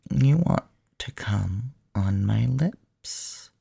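A woman whispering slowly and teasingly into a close microphone, giving commands in an intimate roleplay. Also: a bass voice, lively intonation, creaky, dark tone, slightly rough, no room sound. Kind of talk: whispered erotic ASMR roleplay.

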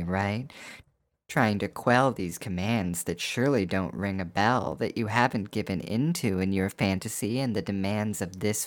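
An adult performer speaks directly to the listener in a scripted erotic hypnosis monologue, coaxing and teasing with a rhythmic flow of rhyming, repetitive phrases. The voice is mid-range and the recording dry.

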